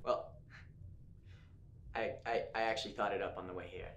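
A man's voice: fairly low pitch, moderate pace, dull audio, close to an everyday voice. A teenage boy acting in a student film, playing a boastful, flustered student who stammers. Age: teens. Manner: animated and stammering. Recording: roomy, distant school video.

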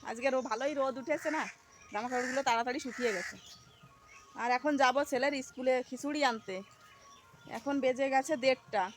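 A woman narrating a family vlog outdoors at her rural home, talking chattily to viewers she calls friends. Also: high-pitched. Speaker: family vlogger. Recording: noisy outdoor phone recording.

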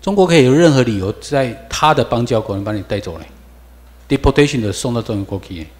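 A man's voice: mid-range voice, animated, a little fast, darkish tone. Emphatic Taiwanese-accented male lecturer. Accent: Taiwanese Mandarin. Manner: emphatic, fires rhetorical questions, drills students on vocabulary. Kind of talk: classroom lecture. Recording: long reverb lecture hall.

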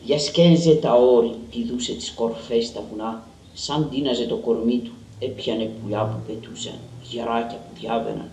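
A man giving a measured, dramatic literary reading of a story. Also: mid-range voice, steady tone, a little mellow, slight background noise. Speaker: reader. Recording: roomy and distant.

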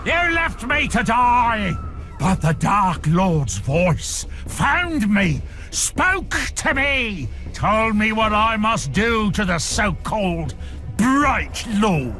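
A man voicing a fanatical orc servant of evil in a video game, with a cold, menacing, drawn-out delivery. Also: high voice, sing-song, sharp tone, faint music behind, full character voice. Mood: cold fanatic menace.

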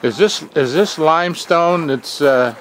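A man's voice: a little high, a little slow, a bit bright, a little hiss or hum, rough recording. A man from the United States hosting a wine tour on an outdoor terrace, asking questions and keeping his replies short. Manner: short acknowledgments. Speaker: wine show host. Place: outdoor terrace over vineyards.

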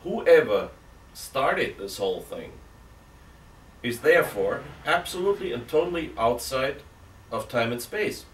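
A middle-aged priest, seated indoors by an armchair, works through a catechism talk out loud, leaning on emphatic rhetorical questions and gesturing with both hands. He's very animated at medium pitch, speaking a little slowly. Faint hiss and a roomy sound come from the distant mic.

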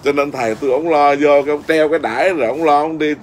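Talking fast in a fairly high, fairly even voice, a middle-aged Buddhist monk shares a story casually in his Southern Vietnamese accent. His telling rambles, packed with fillers and restarts, against slight background noise.

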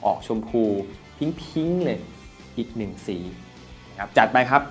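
A man giving a casual, upbeat product review with a chatty sales pitch. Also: lively intonation, moderate pace, faint music behind.

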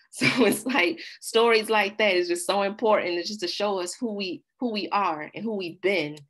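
A woman's voice: medium pitch, moderate pace. A woman giving a casual workshop talk with slides, telling stories and laughing now and then. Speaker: workshop presenter.

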